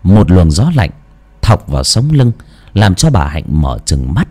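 A man narrating a ghost story in a slow, ominous, dramatic style. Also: low-pitched, sing-song, a little mellow. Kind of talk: scripted horror narration.

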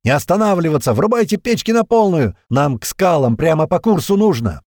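A man voicing a gruff male fighter who yells orders and groans in pain. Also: a little high, very animated, fairly quick, dry recording, studio quality, pitched above the performer's own voice. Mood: yelling.

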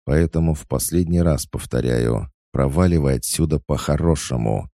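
A man's voice: rumbling low, normal speed, mellow, no echo, clean studio sound, pitched above the performer's own voice. A man voicing a haughty, jealous young woman who speaks in a cold, threatening way. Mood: menacing.

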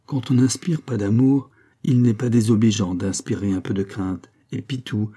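A man reading a classic novel aloud in measured, even scripted narration. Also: on the low side, husky. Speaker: audiobook reader.

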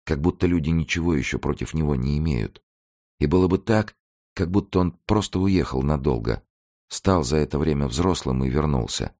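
A man voicing an elderly grandmother who pleads in a creaky, flat and dull voice. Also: very deep voice.

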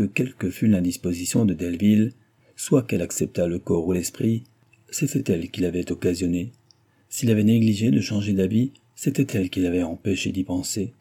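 Low, husky male audiobook narrator. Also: dark tone. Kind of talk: scripted narration.

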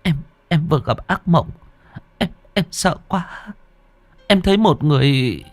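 A man's voice: on the high side, lively intonation, measured pace, no echo, voice pushed up. A man voicing a frightened young pregnant wife in a ghost story, stammering and pleading. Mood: shaken.

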